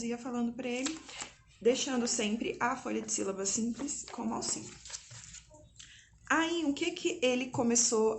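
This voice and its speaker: A woman talks to her viewers from home in a relaxed, conversational way. She is a mother explaining step by step, her voice in the middle range, and she keeps checking in with quick tag questions as she goes. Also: mid-range voice, a little hiss or hum. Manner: chatty, frequent tag questions. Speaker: mother and vlogger. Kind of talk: casual explanatory vlog. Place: at home indoors.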